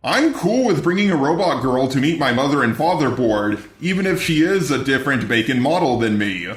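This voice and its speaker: Brisk and mid-range with big pitch swings, a robotic text-to-speech male voice delivers a video commentator's scripted remarks as a blunt, sardonic robot persona. The room sounds echoey.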